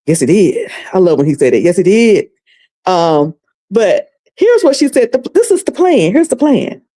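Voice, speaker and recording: With big pitch swings in a warm, mid-range voice, a North Carolina woman with a Southern accent hosts a casual recap livestream at a moderate pace. Her commentary is chatty and folksy, and she calls her audience "y'all" and "sugar."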